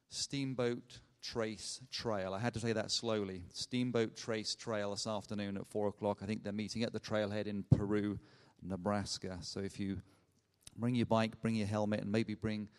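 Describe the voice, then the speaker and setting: A man giving church announcements to a congregation, hesitant with many filler sounds and light humor. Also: fairly low pitch. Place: church sanctuary. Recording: echoey church hall.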